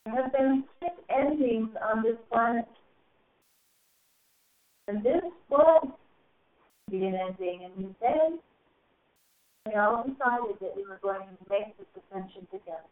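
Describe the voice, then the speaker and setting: A woman with a slightly high voice delivers a channeled spiritual message at a very slow, solemn pace, drawing out her phrases and letting them swell. She is heard through a tinny, narrow phone line. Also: lively intonation. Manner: slow, solemn, drawn-out phrasing with soaring rises. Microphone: phone call.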